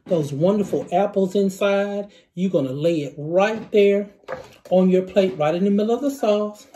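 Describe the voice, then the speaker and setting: A man's voice: high voice, dark tone, slight background noise. A middle-aged man hosting a cooking demonstration in a home kitchen, explaining each step and repeating the key points. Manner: instructive, repeats key steps, savoring exclamations. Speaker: cooking show host. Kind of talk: recipe demonstration. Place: home kitchen, indoors, small.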